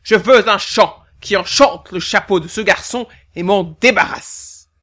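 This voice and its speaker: A woman's voice: mid-range voice, measured pace, a bit bright. A woman voicing an impatient, fretful king who commands and bursts out in a storybook reading. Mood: royal. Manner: commanding, prone to outbursts.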